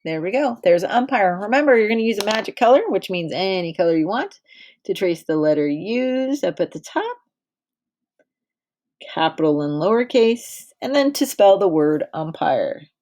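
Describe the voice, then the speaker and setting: A woman's voice: medium pitch, lively intonation, moderate pace, darkish tone. A woman teacher in her thirties leading a drawing lesson for small children, patient and encouraging. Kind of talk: directed drawing lesson for young kids.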